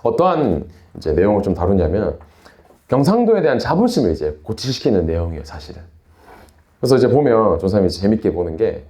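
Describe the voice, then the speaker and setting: A man's voice: on the low side, very animated, fairly quick, dark tone, reverberant. A young man from Busan with a Busan Gyeongsang accent, preaching to a youth group in a chatty storytelling way. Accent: Busan Gyeongsang dialect. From Busan, South Korea. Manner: chatty storytelling, refers to himself in third person. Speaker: youth pastor.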